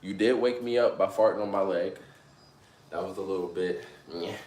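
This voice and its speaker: A man's voice: low-pitched, moderate pace, a little mellow, slight background noise. A man in his twenties live-streaming from home, chatting casually with his viewers between sets of push-ups in an upbeat, hyped, slangy, motivational way. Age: 20s. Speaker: livestreamer. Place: at home during a workout.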